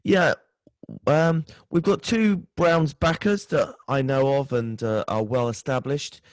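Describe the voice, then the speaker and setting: Male podcast guest, British, medium pitch, sleep-deprived and hungover, stumbling a little through relaxed fan talk. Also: slow, no echo, low-quality recording. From United Kingdom. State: tired and hungover, short of sleep. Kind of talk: casual sports chat.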